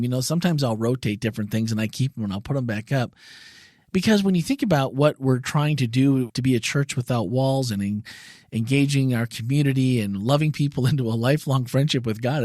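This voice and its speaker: A man hosting a church podcast in a loose, chatty way. He laughs often, restarts his sentences and talks at a middle pitch. The sound is close and dry. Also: a little mellow, no echo. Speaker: podcast host. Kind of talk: casual church podcast chat.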